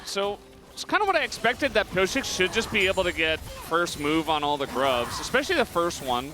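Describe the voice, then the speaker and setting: A young man giving live esports color commentary, animated and quick to laugh at the banter. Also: high voice, music in the background. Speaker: esports caster.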